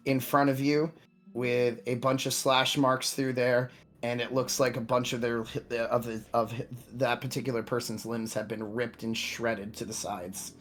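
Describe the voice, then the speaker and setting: A man with a middling pitch runs a tabletop game over background music. He improvises his narration as game master, halting and doubling back on words. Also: a bit bright.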